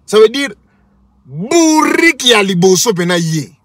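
A man mocks his targets in Lingala and French, his voice sitting high and very animated at a measured pace, with noisy surroundings. He's a commentary vlogger giving scornful, insulting remarks from a parked car, phone camera at arm's length.

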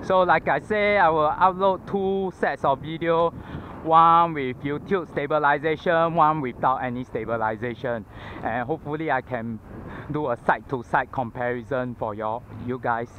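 A Singaporean vlogger with a Singaporean English accent talks casually while scootering outdoors on a city pavement, thinking aloud with fillers and a little out of breath. His voice is fairly high and a bit bright, with fairly even intonation and moderate pace. Street traffic passes through the lo-fi action camera audio from his head-mounted mic.

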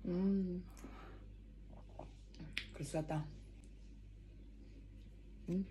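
A woman, talking slowly with her mouth full while eating on camera, murmuring between bites. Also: on the low side, fairly even intonation, dark tone, slight background noise. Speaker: mukbang vlogger. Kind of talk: casual eating vlog.

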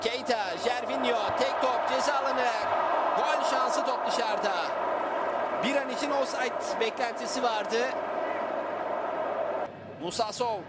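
A man commentating live on a football match in short, clipped phrases with an excited, raised voice. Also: extremely high pitch, slow pace, pauses often. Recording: loud stadium crowd noise behind voice. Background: roaring football crowd.

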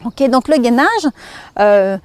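A woman's voice: on the high side, slow pace, a little mellow, smooth, dry recording. A woman in her thirties with a Belgian French accent, leading a fitness lesson and counting through each move as she demonstrates. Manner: counts and breathes through moves while explaining. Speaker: fitness instructor. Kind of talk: exercise demonstration.

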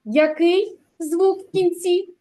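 A woman kindergarten teacher giving a literacy lesson in a classroom, speaking slowly and articulating every sound while coaxing answers from the children. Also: very high voice, steady tone, warm tone, low-quality recording. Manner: slow, carefully articulated, coaxing questions to children.

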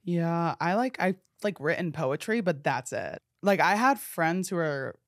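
A man's voice: a little high, lively intonation, unhurried, fairly bright tone, no room sound. Campy, chatty young man, dry mic. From New Jersey. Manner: chatty, campy, playful with many fillers. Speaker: podcast host. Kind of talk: casual chat. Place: small cozy studio set. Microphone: studio mic on boom arm.

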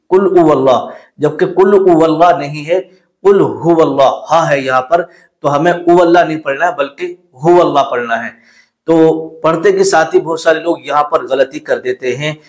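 A young man teaching Quran recitation, who explains common mistakes plainly and then recites the verses slowly and carefully. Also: a little high. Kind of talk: patient recitation lesson.

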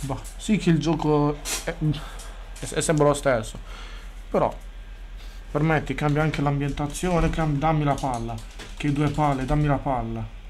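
A man streaming a sports video game, chatting casually, swearing freely and bursting into loud excited shouts. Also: a little high, measured pace, slight background noise. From Italy. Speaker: gaming streamer. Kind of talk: casual gameplay commentary.

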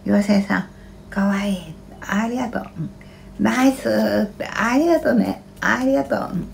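Speaking at a moderate pace in a creaky, mid-range voice, an elderly woman around 80 uses a rural Kanto Japanese dialect on a casual home livestream. She reads out comments while muttering and grumbling in a flustered, plaintive way from a small, cluttered kitchen-dining room indoors. She holds the phone close to her face, and faint room noise is present.

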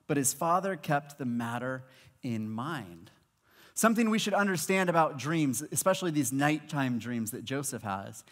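With a medium-pitched voice, a pastor in his thirties from Malawi who ministers to high schoolers preaches on stage before an audience in a big church auditorium, using a headset mic. He is an animated storyteller who performs the voices in his tales, and the recording echoes with long hall reverb.

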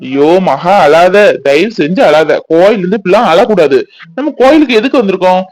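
A man voicing a gentle, patient young fiancé who soothes and coaxes his crying bride in a cartoon. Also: sits high, animated, a little fast, rough recording. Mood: consoling. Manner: soothing, coaxing. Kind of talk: cartoon voice acting.

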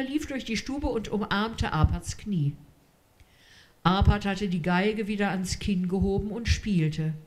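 Female reader, unhurried literary read-aloud, calm and measured. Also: mid-range voice. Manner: slow, measured storytelling.

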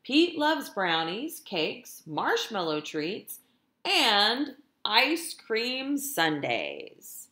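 In a room at home with an echo, a woman who teaches storytime for little ones reads a picture book at medium pitch. She's unhurried and expressive, choosing her words deliberately and addressing the children themselves.

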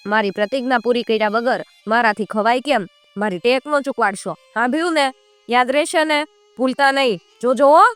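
Harsh shrill scolding wife as voiced by a woman storyteller, high and bossy, close dry sound. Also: a little fast, fairly bright tone, no echo, soft background music, natural voice. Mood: fierce scolding. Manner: shrill, commanding.

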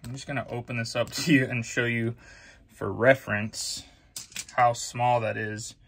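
Bright-voiced man explaining a DIY fix. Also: medium pitch, unhurried, creaky, a little hiss or hum. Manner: relaxed, explanatory, step-by-step. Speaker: DIY HVAC video host. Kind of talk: casual how-to demonstration. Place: basement utility room, indoors.

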